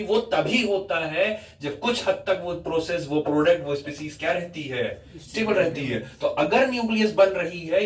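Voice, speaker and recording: A male physics teacher lecturing a class, explaining step by step and repeatedly quizzing his students. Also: sits high. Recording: echoey classroom, mic far off.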